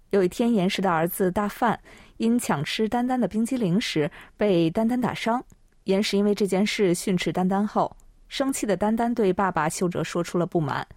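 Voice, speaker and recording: Very slow, dry-voiced woman co-host. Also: mid-range voice, no room sound. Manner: calm, measured, explanatory. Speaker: co-host and Chinese translator. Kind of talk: bilingual language lesson.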